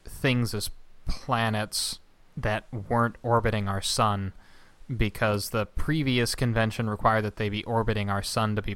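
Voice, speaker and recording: A man's voice: on the low side, a bit bright, smooth, no room sound. A man co-hosting a casual podcast, explaining astronomy in a chatty, rambling way with asides. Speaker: podcast co-host. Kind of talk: casual chat.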